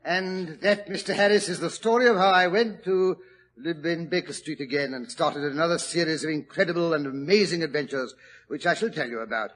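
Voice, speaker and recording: An actor playing Doctor Watson, a genial older companion telling the story afterward in a chatty way, in a 1940s radio drama. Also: male voice, fairly high pitch, a little fast, fairly bright tone, faint music behind, natural voice. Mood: amused.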